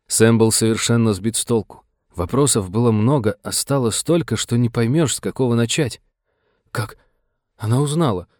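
An audiobook narrator, a man with a medium-pitched voice, reads a novel from a script in a calm, measured storytelling manner. The recording is dry, with clean studio sound.

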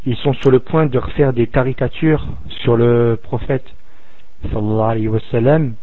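A man's voice: mid-range voice, moderate pace, no room sound. A man calling in to ask a question of a teacher, speaking hesitantly with many fillers. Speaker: caller asking a question. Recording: dry phone-like line.

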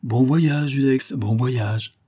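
A man's voice: medium pitch, normal speed, dark tone, slightly rough. A man reading an audiobook voices a scheming woman adventuress who hisses her lines with venom and hatred. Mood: gloating. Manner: hissing, venomous.

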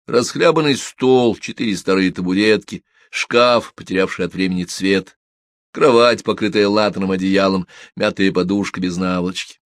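A man narrates a crime novel with a low, even voice. The sound is dry and close, with no room around it. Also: moderate pace, no echo. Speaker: audiobook narrator. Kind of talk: scripted narration.

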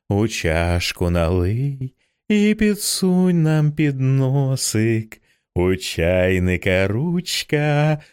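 A man voicing a dazed young woman who sings a children's rhyme in a slow, childlike sing-song, muffled by her fingers. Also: mid-range voice, darkish tone, clean tone, dry recording, studio quality.

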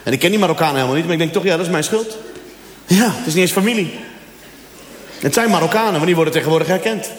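A man's voice: on the high side, very fast, long pauses. A man doing a stand-up comedy routine on stage, telling a story and acting out the dialogue with changing voices. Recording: echoey hall, audience laughter.

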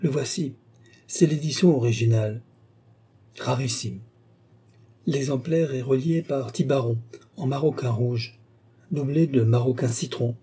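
A man's voice: medium pitch, unhurried, long pauses, warm tone, slightly rough. A man voicing a fawning, eager male bookseller who pushes his wares with effusive patter, in a narrated story. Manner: pushy, effusive salesman patter.

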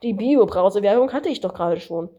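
A woman's voice: medium pitch, expressive, brisk, mellow, lightly acted. Weary put-upon man, dry, sighing, audiobook dialogue, a woman reading. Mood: exasperated. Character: weary, exasperated grown man flatmate.

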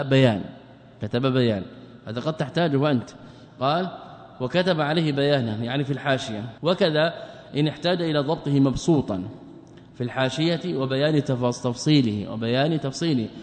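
A man with a medium-pitched, darkish voice teaches a classical book, lecturing to explain the text. He frequently poses rhetorical questions and repeats phrases, and the recording carries long hall reverb.

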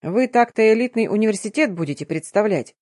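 A woman's voice: medium pitch, lively intonation, fairly quick, darkish tone, dry recording, studio quality, lightly acted. A woman reading the lines of a stern, domineering and sly male curator in an audiobook, with a curt, commanding manner. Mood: stern, mocking. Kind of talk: audiobook narration.

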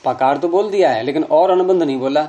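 A man's voice: fairly high pitch, quick pace, warm tone, muffled recording. A man teaching Sanskrit grammar, patiently explaining rules step by step with examples and repeating key terms.

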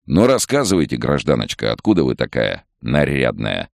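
A man's voice: very deep voice, wildly swooping pitch, normal speed, vocal fry, no room sound, studio quality, exaggerated voice. A man voicing a stern, commanding camp officer, harsh and mocking. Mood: sardonic.

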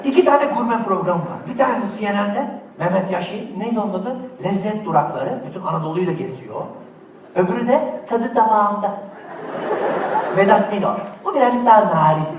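Stand-up guy on stage, high and animated, booming hall echo, taped from way back in the crowd. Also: fairly quick. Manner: animated, switches into mock voices and shouts. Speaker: stand-up comedian. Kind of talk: stand-up comedy routine. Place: large theater stage with a laughing audience. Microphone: bootleg recording from the audience, far from the stage. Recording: echoey, distant bootleg theater recording with crowd noise.

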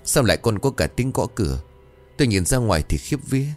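A man's voice: on the low side, animated, fast, soft background music, natural voice. A man voicing a frightened elderly village wife who stammers as she tells her husband what she saw. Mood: terrified. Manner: stammering, terrified.

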